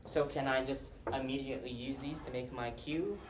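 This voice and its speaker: A man with a mid-range voice and steady tone speaks at a normal pace while giving a math lecture in a lecture hall. He is conversational and asks the class questions, picked up by a distant room mic that sounds roomy with faint hiss.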